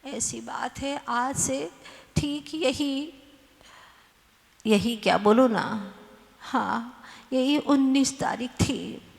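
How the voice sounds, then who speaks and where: A woman's voice: high-pitched, extremely slow, vocal fry, pauses often, heavily acted. A nun putting on a weeping, plaintive grown man. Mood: lamenting. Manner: mournful, plaintive repetition. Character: grown man weeping over dead relatives' legacies. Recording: long hall reverb.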